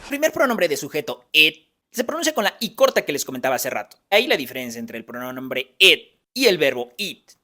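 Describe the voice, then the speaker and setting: A man's voice: fairly high pitch, big pitch swings, brisk, sharp tone. A man teaching English pronunciation in a phonetics lesson, patiently explaining each sound step by step.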